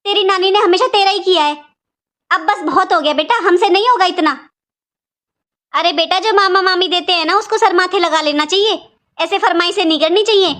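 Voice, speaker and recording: A woman voicing a harsh, stingy aunt in a cartoon, scolding in a sharp-tongued way. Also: very high voice, a little fast. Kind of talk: cartoon voice acting.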